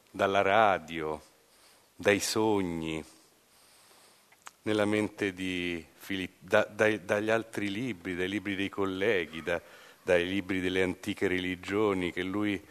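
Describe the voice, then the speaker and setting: A man gives a thoughtful literary commentary, talking very slowly and pausing on frequent hesitations. His voice is fairly low and carries a long hall reverb. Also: a bit bright.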